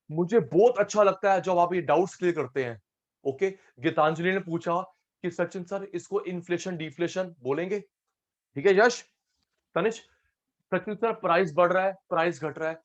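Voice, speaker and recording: A man's voice: fairly high pitch, highs cut off. A man teaching an online economics class, repeating points and coaxing students by name.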